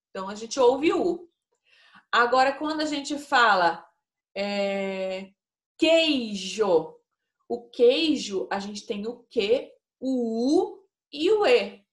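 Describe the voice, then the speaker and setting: A Brazilian woman teacher with a fairly high voice walks young pupils through a lesson step by step. She talks slowly and patiently and keeps checking that they follow. The sound is roomy and echoey, as in a classroom. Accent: Brazilian Portuguese. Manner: patient, slow and explanatory, addresses pupils, checks with "né?" and "tá?". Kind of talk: recorded remote class lesson. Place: classroom with a whiteboard. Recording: echoey room.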